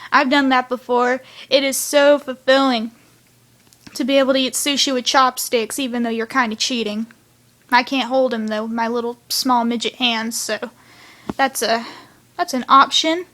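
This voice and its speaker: A woman's voice: fairly high pitch, fairly even intonation, normal speed, a bit bright. A woman rambling through a casual review of a cartoon episode, chatty, with sighs and side remarks. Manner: chatty, rambling, sighing asides.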